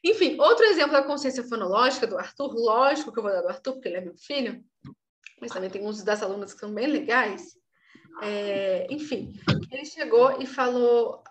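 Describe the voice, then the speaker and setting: A woman, giving a live online class on early literacy in a chatty, emphatic way, often checking in with her listeners. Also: on the high side. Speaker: literacy teacher.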